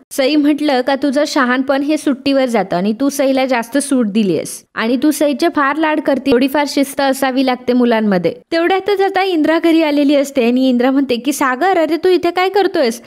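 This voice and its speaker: Woman narrator, high voice, recaps a soap plot, quotes lines without acting them. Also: darkish tone. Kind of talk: storytelling recap.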